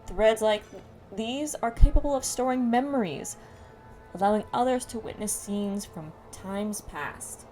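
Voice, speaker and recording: A woman with a slightly high, mellow voice chats unhurriedly while streaming a game playthrough with friends, game music behind her. She reads quest text aloud and mutters asides to herself.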